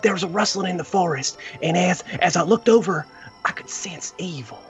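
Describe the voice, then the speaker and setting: A player voicing an earnest, bumbling holy brother who speaks in a halting, dramatic, pious way in a tabletop game. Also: mid-range voice, a bit bright, faint music behind, lightly acted. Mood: awed, dramatic.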